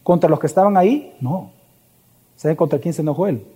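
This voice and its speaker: A man preaches a sermon, pressing his listeners with question after question. His voice sits high yet sounds mellow and husky, trailing a long reverb as if filling a large church hall. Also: animated, fairly quick. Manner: preaching with rhetorical questions to the congregation. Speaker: pastor.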